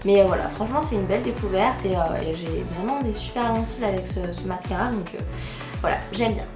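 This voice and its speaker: A young woman chats through a makeup tutorial, stopping often on little fillers as she goes from step to step. Her voice sits at an ordinary middle pitch. It rings a little in a roomy space, and loud music plays behind her. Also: brisk. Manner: chatty, frequent "euh" and "donc voilà" fillers. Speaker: beauty vlogger. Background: background music.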